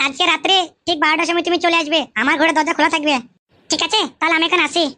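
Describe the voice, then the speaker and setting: A woman's voice: very high voice, little pitch movement, rapid-fire, pushed and bright. Woman as a cajoling mother-in-law. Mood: coaxing. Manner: sweet-talking, cajoling. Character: coaxing middle-aged mother-in-law, thirties by her claim. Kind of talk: comic village skit.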